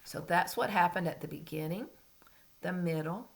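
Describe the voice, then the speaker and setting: A woman reading a picture book aloud as if to a toddler, with simple questions and expressive, teacherly storytelling. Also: on the low side, normal speed, vocal fry. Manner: simple child-directed talk, as if reading to a toddler; expressive storytelling, dropping to hushed asides.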